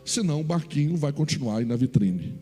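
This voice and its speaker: A man's voice: on the high side, very animated, a little fast, dark tone. A male pastor voicing a stubborn antique shop owner in a sermon story. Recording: reverberant church hall, faint music.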